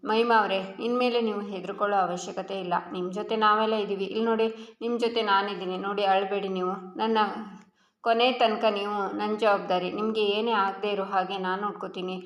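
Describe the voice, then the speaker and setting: A woman voicing a gentle, protective young man who talks softly and soothingly. The recording has a roomy echo. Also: mid-range voice, fairly even intonation, a little fast, close to an everyday voice. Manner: soft, soothing.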